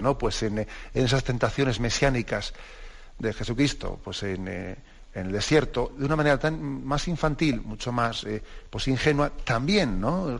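Priest giving a chatty radio catechism talk. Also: male voice, medium pitch. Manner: informal, keeps asking listeners "no?", hesitant fillers.

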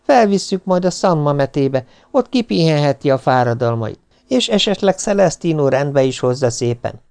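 A breezy, scatterbrained mother brushes off every worry with easy chatter, played by a male reader. Her voice is lifted a little and moves in lively swings. It is a storybook audiobook voice. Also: on the high side, gravelly, clear, resonant tone. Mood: reassuring.

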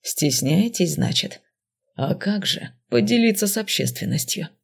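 A woman reading the part of a smug, teasing male dark mage dean in an audiobook, dropping her voice low and slowing into a mocking murmur. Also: expressive, vocal fry, breathy edge, heavily acted.

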